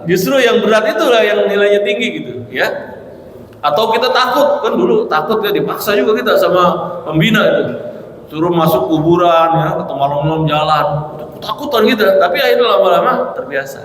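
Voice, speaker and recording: A male Islamic preacher giving a relaxed, conversational dawn sermon with questions and answers, recorded in a mosque hall. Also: sits high, a little fast. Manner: relaxed, conversational, with tag words. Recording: echoey hall with faint noise.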